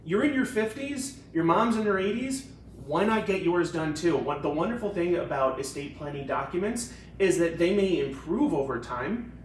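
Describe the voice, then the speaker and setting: A man's voice: sits high, lively intonation, moderate pace. Male attorney, co-host, conversational and joking; roomy echo, faint noise. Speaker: estate planning attorney, co-host. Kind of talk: casual professional discussion. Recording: echoey room, mic at a distance, faint background noise.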